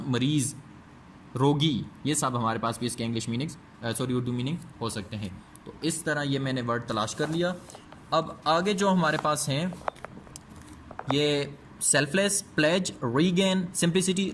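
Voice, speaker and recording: A male English teacher, explaining a textbook lesson: he reads English words slowly one by one and explains them quickly in Urdu. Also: medium pitch, fairly bright tone, slight background noise.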